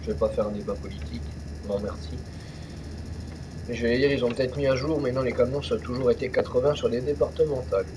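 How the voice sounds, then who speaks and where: A man's voice: medium pitch, fast talker, noisy background. A young man casually commenting on a truck driving game, rambling with many fillers and restarts. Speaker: gaming youtuber. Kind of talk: casual let's-play commentary.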